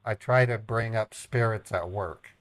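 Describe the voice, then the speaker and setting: A man with a fairly low voice, recorded dry, chats casually as a caller. His delivery is halting and plain, with repeated starts and a naive air. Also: no echo. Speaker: prank caller baiting a phone scammer. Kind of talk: casual phone chat.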